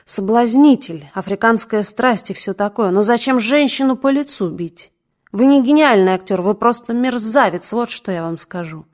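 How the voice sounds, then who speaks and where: A woman's voice: fairly high pitch, lively intonation, moderate pace, natural voice. Brusque middle-aged male doctor, stern yet fatherly, read by a woman narrator. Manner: stern then fussing, fatherly.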